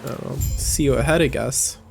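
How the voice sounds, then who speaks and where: A man's voice: medium pitch, normal speed, gravelly, faint music behind. A man streaming a game live, giving wry, joking, chatty commentary.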